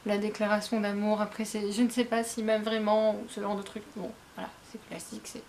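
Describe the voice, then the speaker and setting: Woman, casual vlog reviewer, mid-pitched, hesitant and chatty, frank asides to camera, light background hiss. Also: level tone, fairly quick, a little mellow. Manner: rambling and hesitant, many fillers, frank asides; chatty, addresses viewers directly. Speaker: manga reviewer, book blogger.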